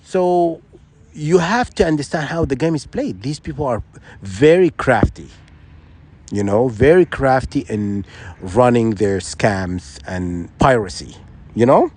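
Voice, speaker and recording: A man's voice: mid-range voice, lively intonation, a little slow, darkish tone. A man from Sudan, giving an insistent, rambling opinion monologue full of restarts and rhetorical questions. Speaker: vlogger.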